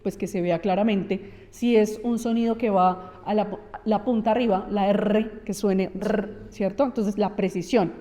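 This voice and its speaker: Speaking slightly slowly in a mellow, medium-pitched voice with fairly even intonation, the speech therapist discusses voice and articulation in an interview. She teaches methodically, enumerating each point and demonstrating examples, and the room is reverberant.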